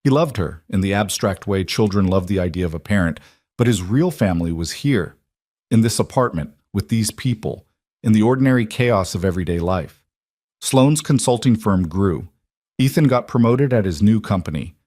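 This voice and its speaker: A man narrating a scripted story in a steady, measured way. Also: on the low side, no room sound, studio quality.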